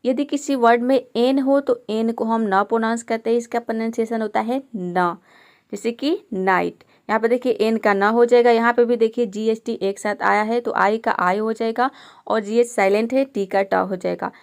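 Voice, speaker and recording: Patient woman teacher going over pronunciation rules one by one, kinda high voice. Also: steady tone, moderate pace, clear, resonant tone. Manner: patient, explains each letter and asks rhetorical questions. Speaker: English teacher. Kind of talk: step-by-step pronunciation lesson.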